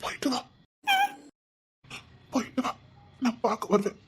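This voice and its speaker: A woman voicing the loving ghost of an old grandfather in a cartoon, speaking softly and reassuringly. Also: fairly high pitch, fairly even intonation, measured pace, slight background noise, voice pushed down, close to an everyday voice. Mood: tearful. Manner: soft, tender, reassuring.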